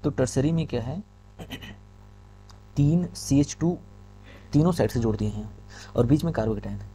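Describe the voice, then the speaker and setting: A man teaching a chemistry lesson from slides. He often checks in with "okay" and reads English passages slowly. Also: medium pitch, lively intonation, mellow, slight background noise. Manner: repeats "ठीक है", reads English lines slowly. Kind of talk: lecture explaining slides.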